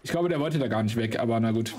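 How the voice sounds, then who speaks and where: A man giving excitable, slangy casual commentary while he plays a game, swearing often. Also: mid-range voice, quick pace. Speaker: let's play host.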